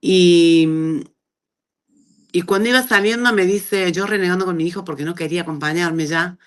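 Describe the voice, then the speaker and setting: A middle-aged woman with an Argentine accent, telling her personal testimony in a conversational way and acting out the dialogue she quotes. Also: moderate pace. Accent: Argentine Spanish. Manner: animated storyteller who acts out quoted dialogue with big pitch jumps. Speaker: guest giving a testimony.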